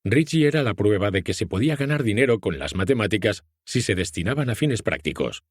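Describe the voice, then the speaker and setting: A man narrates an audiobook from a script in a Castilian Spanish accent. His voice sits fairly low and moves with very varied intonation. The recording is dry and close, with very little room sound. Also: no room sound.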